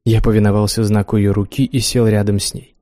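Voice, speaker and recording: Man reading an audiobook, first person, expressive, warm mellow tone, dry close recording. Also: lowish voice, brisk, no room sound. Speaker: audiobook narrator. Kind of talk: first-person literary narration.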